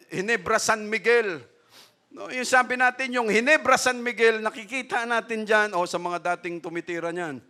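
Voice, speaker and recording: A man's voice: sits high, pushed and bright. A man preaching a sermon as pastor, peppering his talk with a questioning "no?" and chuckling asides. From Philippines. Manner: mixes asides and laughs, repeated "no?" tag.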